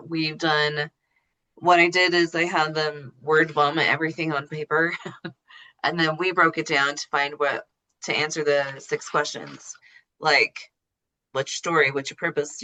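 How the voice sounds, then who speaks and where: A woman appears as a podcast guest, explaining her know-how in a casual, informal interview. Her voice is low-pitched with a sharp tone, and the audio quality is poor.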